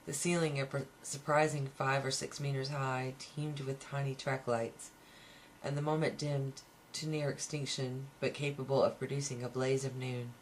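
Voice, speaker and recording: An amateur audiobook reader, a man, reads a novel aloud at home, occasionally tripping over a word and starting again. His mid-range voice is level in tone at a normal speed, and the low-quality home recording carries faint background noise.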